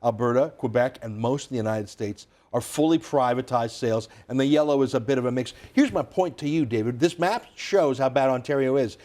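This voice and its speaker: A man's voice: mid-range voice, brisk, few pauses, darkish tone. A man, hosting a political commentary segment in an emphatic, sarcastic way. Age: 40s. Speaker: host.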